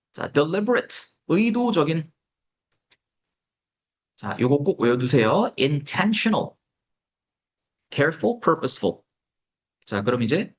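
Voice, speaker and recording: A teacher giving an exam-prep English writing lesson in Korean, explaining vocabulary step by step. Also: female voice, low voice.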